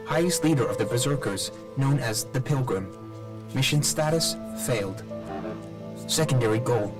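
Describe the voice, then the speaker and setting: A broken-down combat robot from a video game, his voice run through a cold metallic filter. He delivers flat, clipped status readouts at a middling pitch, stalling on system errors, with loud game music running behind him. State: malfunctioning, repeating system errors. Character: damaged male combat robot companion, cold and mechanical.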